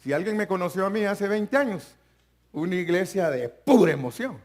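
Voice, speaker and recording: An older man preaches from the pulpit of a church, his fairly high voice leaping up and down with lively intonation. He keeps calling his congregation brother and sometimes rises to a shout. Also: normal speed. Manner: animated preaching, constantly addressing listeners as brother, bursts into shouting. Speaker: pastor. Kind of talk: live church sermon. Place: church sanctuary.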